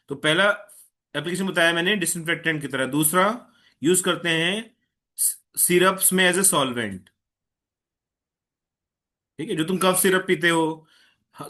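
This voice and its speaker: A man's voice: on the high side, pushed and bright. A man teaching a chemistry class online, mixing Hindi with English and often checking that students follow. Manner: patient, tells an eager student to slow down.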